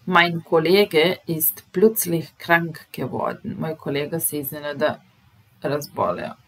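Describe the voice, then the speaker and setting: A woman with a Serbian accent teaching German. She says each example sentence slowly, repeats it and then explains it. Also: deep voice, husky, poor audio. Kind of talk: slow language lesson.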